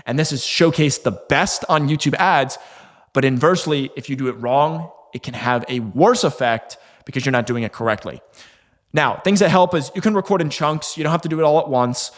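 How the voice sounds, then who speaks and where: A man's voice: a little high, fairly quick, in a large hall. A man giving a casual instructional talk to camera as a marketing coach, conversational, with fillers and occasional restarts.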